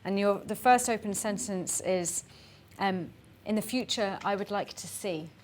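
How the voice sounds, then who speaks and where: A woman's voice: medium pitch, unhurried, slight background noise. Chatty woman leading a workshop. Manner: chatty, encouraging, laughs between instructions. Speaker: workshop facilitator. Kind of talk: guiding a group exercise.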